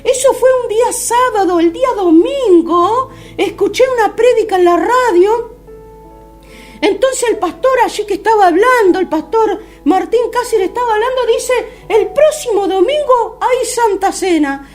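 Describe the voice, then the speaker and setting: Fervent high-voiced Argentine woman in her fifties. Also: expressive, soft background music. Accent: Argentine Spanish. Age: 50s. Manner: fervent, keeps calling listeners brothers, halting with fillers. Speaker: radio program host giving testimony. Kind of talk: religious radio testimony.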